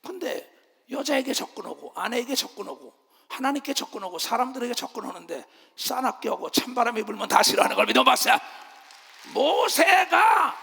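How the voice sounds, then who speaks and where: A man preaching a sermon as pastor, swinging between loud shouting and low murmurs and calling the congregation to clap and raise their hands. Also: expressive, quick pace, creaky, slightly rough, big-room sound.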